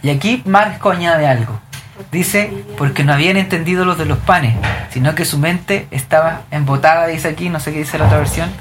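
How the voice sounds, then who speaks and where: A woman's voice: low voice, a little fast, noisy background. Woman leading a Bible study. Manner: asks the group questions, reads verses aloud. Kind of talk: group Bible study teaching.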